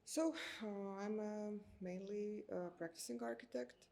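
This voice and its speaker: An architect in her thirties from Croatia answers interview questions in Croatian-accented speech, slowly and hesitantly, filling pauses with many sounds as she hunts for words. Her voice is medium-pitched, gravelly, and dark.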